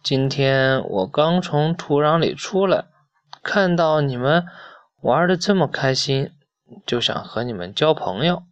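A timid, lonely earthworm from a children's storybook, as a man puts him on. He speaks wistfully in a slightly raised, unhurried voice with a dry sound. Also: a little high, expressive, no room sound, dull audio. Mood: wistful, shy. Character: lonely shy young earthworm.

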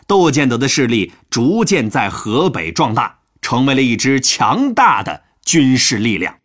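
A man's voice: a little high, fairly bright tone. A man telling a history lesson as a chatty, playful story. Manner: chatty, playful, with sentence-final particles.

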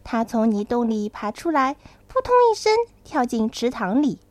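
Expressive woman telling a children's story. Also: fairly high pitch, no room sound. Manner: slow, very expressive, sing-song. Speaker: kindergarten teacher.

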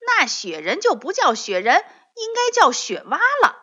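A woman doing an excitable young rabbit boy. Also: sits high, unhurried, pitched above the performer's own voice, full character voice. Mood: insistent. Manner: eager, exclaiming. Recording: dull lo-fi recording.

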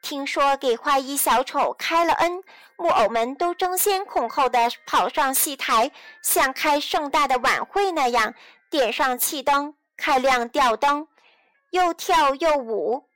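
High-voiced woman reading a children's story. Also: measured pace, faint music behind. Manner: warm, addresses young listeners directly. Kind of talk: children's audio storybook narration.

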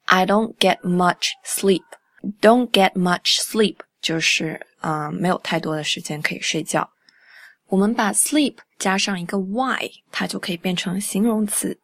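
A woman's voice: mid-range voice, fairly bright tone, no room sound. Chatty young woman teaching English. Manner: explains chattily, repeats English phrases slowly and clearly. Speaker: English teacher and podcast host. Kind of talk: casual podcast English lesson in Chinese.

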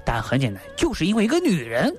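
A man's voice: a little high, fast talker, soft background music. A man co-hosting a comic chat, retelling a classic tale with jokes and constant interjections. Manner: animated, jokey, lots of interjections. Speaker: co-host.

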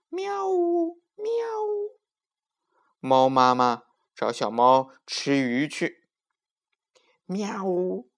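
Slow, expressive male children's storyteller. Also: medium pitch, clear, resonant tone. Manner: lively, expressive reading.

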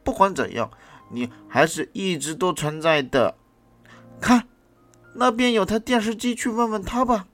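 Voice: medium pitch, unhurried, fairly bright tone, voice pushed up, natural voice. A reader voicing a child's teddy bear in a storybook, eager, coaxing and comforting, over backing music. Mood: reassuring. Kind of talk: storybook reading. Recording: music playing behind the reading.

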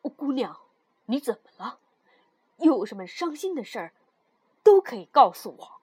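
A woman voicing a kind young king who speaks softly and soothingly in a storybook reading. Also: very animated, normal speed, breathy edge, dry recording. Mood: gentle. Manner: soft, soothing, lowered voice.

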